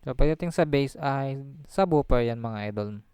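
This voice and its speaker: A man hosting a channel about audio gear delivers a casual explainer as a voice-over on slides, chatty and full of fillers and restarts. His mid-range voice is a little mellow and smooth, with lively intonation and a moderate pace, and he drops his voice on tag phrases. The studio-quality audio has no room sound.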